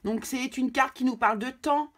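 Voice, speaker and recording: French woman, tarot reader, casual and halting delivery with lots of fillers. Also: high voice, fairly bright tone. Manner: hesitant, repeats words, many fillers. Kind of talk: casual tarot reading video.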